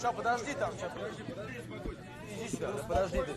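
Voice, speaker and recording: An actor playing a hot-tempered airline passenger in a film drama, blunt, aggressive and demanding. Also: male voice, high voice, fast talker, a loud crowd, lightly acted. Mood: angry, confrontational. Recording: loud crowded cabin noise.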